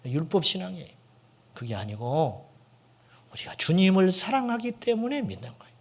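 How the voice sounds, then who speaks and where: A middle-aged man, a senior pastor, preaching a sermon in a church with dramatic storytelling that swings between loud and hushed. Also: high voice. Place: church sanctuary.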